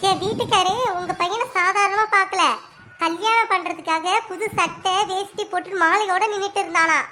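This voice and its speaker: A woman voicing a young village wife who insistently brings news to her neighbour in an animated story. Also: very high voice, normal speed, slight background noise. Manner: insistent, earnest. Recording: voice with loud music behind.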